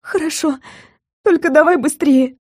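A woman voicing a frightened, tearful young woman who pleads in a high, desperate voice. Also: normal speed, dark tone, natural voice. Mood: terrified pleading. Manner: high-pitched desperate pleading, near tears.

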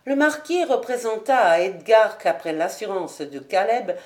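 A woman narrating a classic novel as an audiobook, reading clearly and with measure. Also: mid-range voice, big pitch swings, a little slow, darkish tone. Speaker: audiobook reader.

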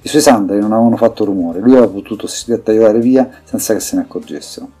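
A man narrates a fantasy audiobook in an even, measured read. His voice is low and dark with a husky edge. Soft music plays faintly underneath.

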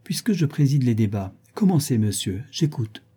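A man's voice: mid-range voice, very animated, moderate pace, warm tone, slightly rough. A man reading an audiobook, voicing a witty, playful aristocratic lady who hands down mock-solemn judgments. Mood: teasing.

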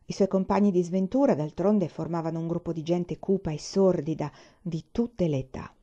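Female audiobook reader, measured and expressive, dark mellow tone, dull lo-fi sound. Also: fairly low pitch. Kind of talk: literary audiobook reading. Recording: dull lo-fi recording.

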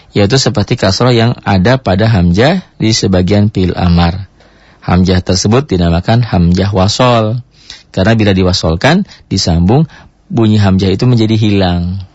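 A man with an Indonesian accent teaching Quran recitation rules in a radio lesson, explaining step by step and sounding out Arabic words slowly, with sudden jumps in pitch to stress a point. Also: no echo. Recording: dull dry radio broadcast recording.

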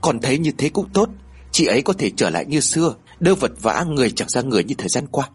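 A man voicing a scared, blunt younger brother who talks in quick, anxious chatter. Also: mid-range voice, sing-song, husky.

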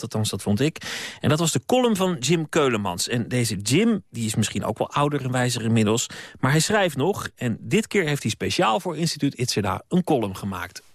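A man's voice: mid-range voice, no echo, studio quality. A male radio host presenting and musing aloud, hesitating with fillers.

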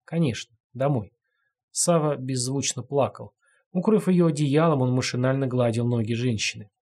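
A man reading a grim story as an audiobook narrator, in a measured storytelling manner. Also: mid-range voice, darkish tone.

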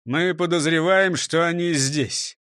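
A man playing a gruff, grumbling middle-aged police chief who speaks curtly. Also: fairly high pitch, a little slow, a bit bright, no room sound, clean studio sound. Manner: grumpy, curt.

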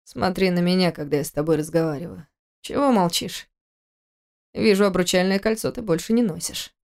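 A woman reading the part of a scornful, controlling husband in an audiobook, speaking quietly, mockingly and with menace. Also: on the low side, brisk, lightly acted. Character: cold, scornful adult man, a controlling husband.

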